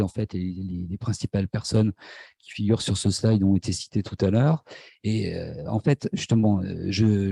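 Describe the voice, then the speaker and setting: A man's voice: fairly low pitch, dark tone, dry recording. A man with a French accent giving an academic conference talk, hesitant, with many fillers and restarts. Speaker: lecturer. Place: university lecture hall.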